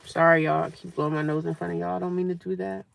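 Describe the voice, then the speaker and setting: A woman's voice: fairly low pitch, flat delivery, fast talker, creaky, dry recording. A woman chatting casually with viewers on a live stream from a parked car, repeating herself and reading comments aloud. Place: parked car beside a highway. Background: faint traffic noise.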